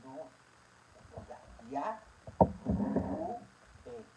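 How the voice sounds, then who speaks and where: A slow-speaking Bible teacher lays out a religious lesson with emphatic repetition and rhetorical questions. A steady hiss of background noise runs clearly under the voice throughout. The delivery stays unhurried and insistent. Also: medium pitch. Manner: emphatic, repeats words and asks rhetorical questions.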